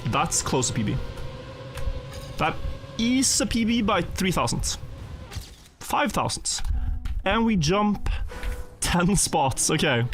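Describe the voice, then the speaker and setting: A man's voice: high-pitched, very animated, slow, pauses often, soft background music. A man from Croatia casually chatting with viewers while racing in a game on a live stream. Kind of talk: live gameplay commentary and chat.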